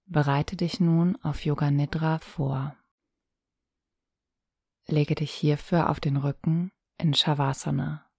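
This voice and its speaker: Guiding a yoga nidra relaxation, this woman speaks softly and breathily in a low voice whose pitch barely moves. Her instructions are calm and soothing, with long pauses between them, captured in a very dry, close recording.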